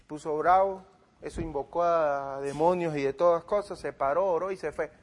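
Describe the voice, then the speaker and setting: A man's voice: fairly high pitch, moderate pace, a little hiss or hum. A man preaching, retelling an argument with another pastor and quoting both sides of the dialogue. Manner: retells a debate with quoted dialogue, swinging from loud to quiet. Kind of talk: sermon-style storytelling.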